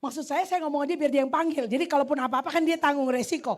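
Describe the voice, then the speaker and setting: Middle-aged Medan woman pastor, high bright voice, animated preacher who acts out every character in her stories. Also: fast talker. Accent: Medan Indonesian. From Medan, Indonesia. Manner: animated, mixes English phrases, acts out quoted voices. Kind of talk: lively sermon with storytelling. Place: church hall.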